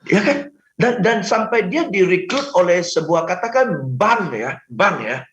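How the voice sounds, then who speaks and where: Animated man coaching on radio. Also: sits high, measured pace, a little hiss or hum. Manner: animated, acts out phone calls, frequent "betul kan?". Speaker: sales trainer guest. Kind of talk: radio talk show coaching. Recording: roomy, dull lo-fi radio audio.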